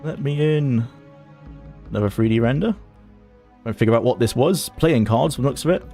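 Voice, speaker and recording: A man's voice: medium pitch, brisk, dark tone, soft background music. A man streaming a video game, chatting casually and thinking aloud in an amused way. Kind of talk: casual gameplay commentary.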